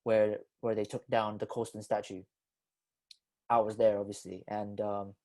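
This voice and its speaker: A man's voice: fairly low pitch, flat delivery, unhurried, a little mellow. Slangy man in his twenties chatting. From Philippines. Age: 20s. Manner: loose slangy banter, earnest when serious. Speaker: podcast host. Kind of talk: casual chat.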